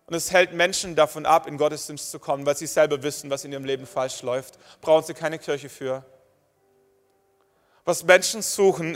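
A man's voice: on the high side, a bit bright. A man preaching a sermon to his congregation, emphatic and building in short repeated phrases. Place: church hall. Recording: long church-hall reverb, faint music.

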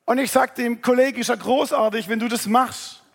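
A middle-aged pastor telling a personal story in a sermon, animated and addressing listeners directly. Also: male voice, very high-pitched, normal speed, vocal fry, husky.

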